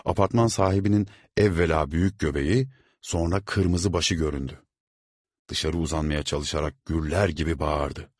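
A man narrating an audiobook in a measured, steady reading. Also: extremely low pitch, no room sound, clean studio sound. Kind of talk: scripted narration.

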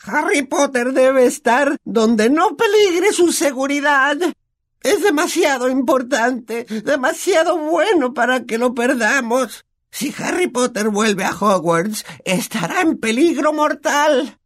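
A man's voice: extremely high pitch, expressive, slow, a bit bright, pitched above the performer's own voice, full character voice. A man with a Latin American Spanish accent voicing a timid, grovelling male house-elf servant in an audiobook, speaking of himself in the third person. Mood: urgent. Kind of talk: audiobook character voice.

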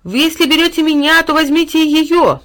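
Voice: mid-range voice, steady tone, quick pace, darkish tone, natural voice. A storyteller voicing a little boy who pleads and cries out in desperation. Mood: desperate.

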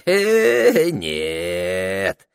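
Male narrator voicing a sneaky toad spy, shrill and wheedling, loud. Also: big pitch swings, normal speed, no echo, clean studio sound. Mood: boastful. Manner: whiny, wheedling, cocky.

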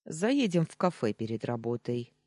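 A woman voicing a confident, protective young man who talks in a low purring tone. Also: very animated, moderate pace, mellow, dry recording, studio quality, heavily acted. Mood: soothing teasing.

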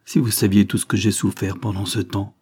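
A man's voice: lowish voice, expressive, normal speed, warm tone, slightly rough. A man reading aloud, voicing a desperate lovesick man who pleads passionately and tearfully. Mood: pleading.

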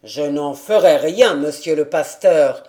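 An audiobook reader voicing a stubborn old mountain grandfather who speaks in a gruff, defiant, loud way. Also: medium pitch, slow pace, natural voice. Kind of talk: audiobook character reading.

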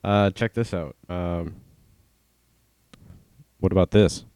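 Deep-voiced goofy young streamer guy. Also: slow, a little mellow, smooth, no room sound, studio quality. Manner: goofy, playing with voice effects. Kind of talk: casual voice chat while gaming.

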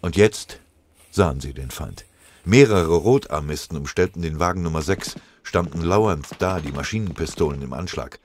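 Deep-voiced male audiobook narrator. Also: moderate pace, a little mellow, a little hiss or hum. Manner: dramatic, vivid storytelling.

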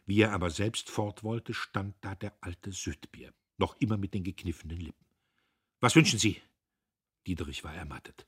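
A man narrating a literary audiobook in an expressive, dramatic way that sometimes drops to hushed tones. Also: low voice, a little fast, slightly rough.

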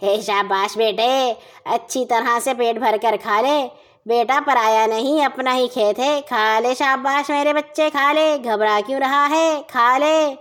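A woman's voice: fairly high pitch, a bit bright, natural voice. A woman doing a smug, brazen neighbor man. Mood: coaxing. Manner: coaxing, sweet-talking and brazen. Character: smug, shameless male neighbor farmer.

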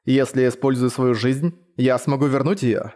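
A half-dead father speaks in a soft, teasing, unhurried tone, as a male reader puts him on. The voice sits at an ordinary man's pitch and never rises. It is a quiet audiobook reading. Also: fairly even intonation, close to an everyday voice. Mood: gentle. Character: calm, mocking ghostly older father.

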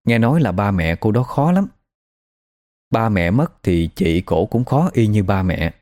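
A man's voice: on the low side, big pitch swings, unhurried, darkish tone. A man telling a first-hand story in a casual, conversational way.

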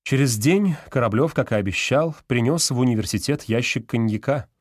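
A man reading a story aloud as an audiobook narrator with an even storytelling delivery. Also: mid-range voice, fairly quick, dry recording, studio quality.

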